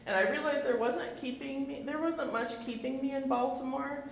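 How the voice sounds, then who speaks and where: A woman's voice: sits high, steady tone, moderate pace, gravelly. A woman in her thirties with a Midwestern accent, giving a casual public artist talk, chatty and self-deprecating with many fillers. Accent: Midwestern American. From Indiana. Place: indoor event room. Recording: echoey room, faint noise.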